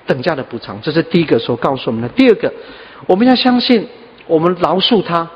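A man delivers a sermon in a slightly high voice, with frequent soft "ah" and "ha" fillers. The recording is dull and muffled. His voice rings with long reverb in a church hall. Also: big pitch swings, quick pace, a little hiss or hum. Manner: scattered with "ah" and "ha" fillers, earnest. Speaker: pastor.

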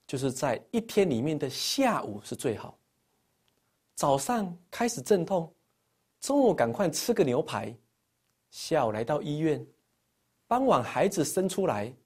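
A man preaching a sermon as pastor, telling stories with emphatic peaks and soft, dropping phrase endings. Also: slightly rough. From Taiwan. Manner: animated storytelling, swinging between emphatic highs and soft low phrase endings.

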